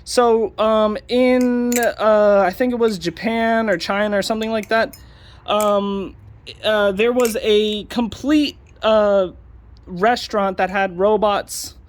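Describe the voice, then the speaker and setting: A man's voice: high-pitched, steady tone, slow. A young man hosting his own channel, ranting casually with sarcasm and lots of ums and uhs. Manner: ranting, sarcastic, many fillers. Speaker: channel host. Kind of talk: casual commentary vlog.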